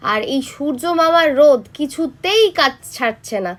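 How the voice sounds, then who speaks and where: Chatty high-voiced woman vlogging. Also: animated, moderate pace. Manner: chatty, talks straight to viewers. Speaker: mother vlogger. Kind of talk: casual vlog narration.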